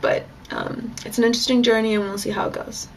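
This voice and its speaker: A woman's voice: a little high, level tone, fast, gravelly, a little mellow, slight background noise. A young adult woman talking frankly and chattily in a casual vlog monologue. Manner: frank, chatty, with bursts of laughter. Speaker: vlogger.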